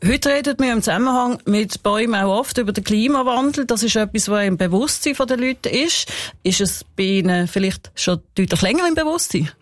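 A woman, asking interview questions in a quick, conversational way. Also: a little high, lively intonation, no room sound.

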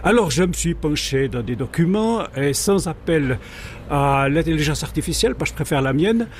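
A man with a Swiss French accent from the Jura arc of French-speaking Switzerland, appearing as a guest and amateur railway historian. His voice is a little high with lively intonation, at a normal speed, over slight background noise. He explains history conversationally, hesitant, digressive and good-humoured.

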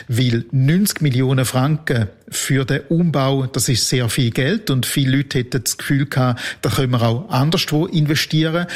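A man's voice: medium pitch, slightly rough. A man with a Swiss German accent giving an emphatic radio correspondent's report. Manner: emphatic, repeats intensifiers.

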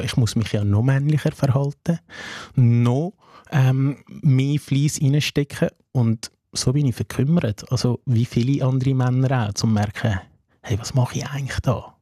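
A young man who grew up in Switzerland after coming from Afghanistan, speaking with a Swiss German accent as an interview guest, earnest and measured, often breaking in with "hey" asides. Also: mid-range voice, mellow, dry recording, studio quality. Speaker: social worker, interview guest. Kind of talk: reflective interview talk.

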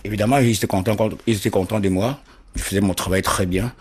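A man from Cameroon, interviewed about his situation, speaking earnestly and haltingly, often repeating words as he searches for them. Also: on the low side, steady tone, breathy edge. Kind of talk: interview testimony.

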